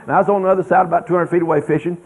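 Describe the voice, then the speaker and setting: A middle-aged man tells a folksy story to an audience in a rambling, animated drawl. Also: sits high, very fast, vocal fry, husky. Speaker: speaker telling a story to an audience. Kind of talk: folksy anecdote telling. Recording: tinny radio broadcast.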